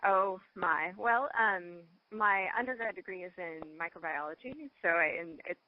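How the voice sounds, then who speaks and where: A woman's voice: mid-range voice, moderate pace. A woman guest speaking over the phone on a radio interview, chatty, laughing often and restarting her sentences. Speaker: guest cosmetics maker and scientist. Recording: dull dry phone line.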